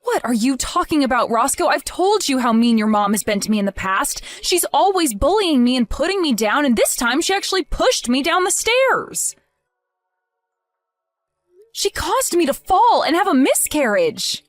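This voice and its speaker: A heartbroken young wife, voiced by a woman, pleads in a high, lively voice in a voice-acted text-message drama. Her pitch swings widely as her hurt builds. Faint music plays underneath. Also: dry recording. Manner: emotional, pleading, voice rising and falling.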